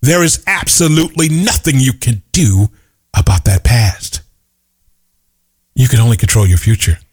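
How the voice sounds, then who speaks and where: A man's voice: medium pitch, moderate pace, a little mellow, slightly rough. A middle-aged man giving an emphatic motivational talk, repeating his key points and telling stories. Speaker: motivational speaker. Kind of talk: motivational monologue.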